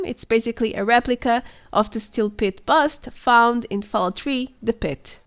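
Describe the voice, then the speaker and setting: A young woman hosts gaming news, giving scripted voice-over commentary that is speculative and explanatory in a measured way. Her voice is a little high but hoarse and weakened by illness, so she sounds unwell.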